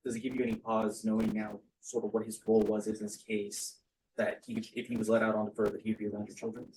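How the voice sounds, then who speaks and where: A man's voice: on the low side, level tone, quick pace, a little mellow, poor audio. A man cross-examining as a prosecutor in a courtroom, asking pointed questions.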